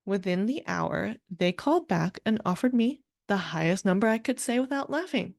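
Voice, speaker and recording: A woman's voice: medium pitch, lively intonation, moderate pace, gravelly, darkish tone, dry recording, studio quality. A woman hosting her own podcast as a life coach, telling her story in an upbeat, conversational way and laughing often. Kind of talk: solo podcast, casual storytelling.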